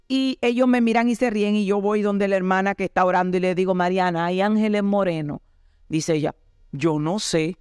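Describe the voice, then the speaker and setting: High-voiced woman telling a story. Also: smooth, no echo, studio quality. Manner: animated storyteller acting out dialogue. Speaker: pastor. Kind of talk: testimony in an interview.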